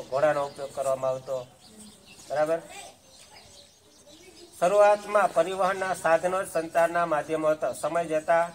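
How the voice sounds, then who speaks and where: A male teacher leads a lesson for schoolchildren in a high voice. He asks the class questions and answers them himself in a steady call-and-response rhythm. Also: a little hiss or hum. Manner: keeps checking in with the class.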